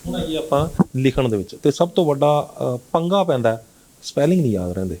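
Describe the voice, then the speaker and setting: A man's voice: mid-range voice, animated, brisk, a little mellow. A man interviewing a teacher, asking long, informal questions.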